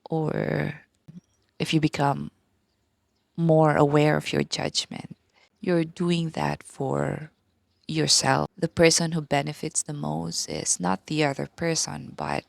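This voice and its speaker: A woman in her thirties with a Filipino accent talks in a soft, unhurried ASMR style, pausing often and starting sentences over. Her voice is low and heavily gravelly with fry, slow in pace, and recorded dry and close with no room sound. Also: no echo. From Philippines. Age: 30s. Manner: slow and gentle, with pauses and restarts. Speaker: ASMR vlogger. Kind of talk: soft-spoken ASMR talk.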